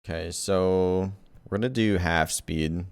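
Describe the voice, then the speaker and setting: Man, very low voice, casual reaction commentary, excited, slangy. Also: slow pace, noisy background. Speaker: gaming YouTuber.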